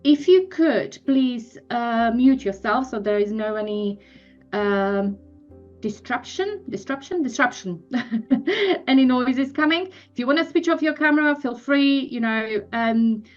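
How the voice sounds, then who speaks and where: A woman's voice: on the high side, animated, measured pace, faint music behind. A woman hosting an online seminar, opening it hesitantly with many fillers over a video call. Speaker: seminar host. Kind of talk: introducing a seminar. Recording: dull lo-fi video call audio.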